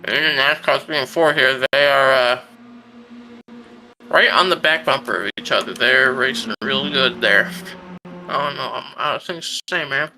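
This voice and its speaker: A man's voice: medium pitch, measured pace, pushed and bright, slight background noise, poor audio. A man co-commentating on a live motor race in an informal, conversational way. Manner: informal, conversational, joking asides.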